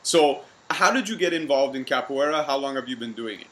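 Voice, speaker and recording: A man's voice: medium pitch, animated, brisk, a bit bright. A man hosting a podcast in a conversational interview, upbeat and friendly, laughing easily as he asks questions. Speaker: podcast host. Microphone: video call.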